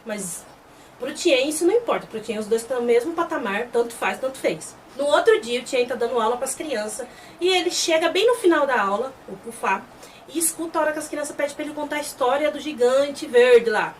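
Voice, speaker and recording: A woman's voice: sits high, lively intonation, a little fast. A woman hosts a series review, chatting as she retells an episode and voices the characters' lines. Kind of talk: casual episode recap. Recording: slightly distant mic with faint background noise.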